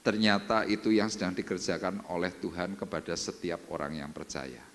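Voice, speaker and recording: A male pastor preaching a sermon, telling a personal testimony, dropping to hushed tones and rising to emphatic peaks. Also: deep voice, fairly quick. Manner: animated storytelling testimony, swings between hushed and emphatic. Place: church. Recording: reverberant church hall.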